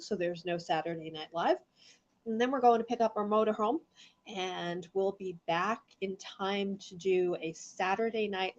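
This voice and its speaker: A woman's voice: medium pitch, muffled recording. A middle-aged woman hosting a live online gem show, chatting casually and rambling while congested and coughing from allergies. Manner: rambling, chatty, greets viewers by name. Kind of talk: casual live-stream chat.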